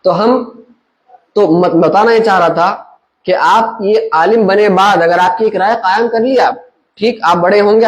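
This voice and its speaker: High-voiced man teaching a religious lesson. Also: low-quality recording. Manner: explains with everyday examples, checks understanding with listeners. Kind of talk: conversational Islamic lesson.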